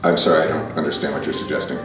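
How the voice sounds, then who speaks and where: An actor playing an apologetic, confused small-town treasurer, heard on an archival recording of a council meeting. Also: male voice, a bass voice, level tone, very fast, music in the background. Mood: flustered. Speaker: town treasurer and reserve officer. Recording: echoey meeting room, far from mic.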